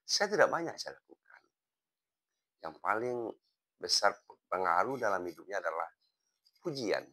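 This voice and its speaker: Deep-voiced man telling a motivational story. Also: sing-song, pushed and bright. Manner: unhurried conversational telling, with frequent pauses and fillers. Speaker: hypnotherapist and life coach.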